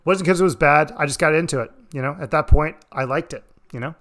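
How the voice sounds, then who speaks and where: A man's voice: fairly high pitch, fast, a bit bright. A man giving casual, rambling reaction commentary on a stream, swearing freely. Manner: rambling, profane, laid-back.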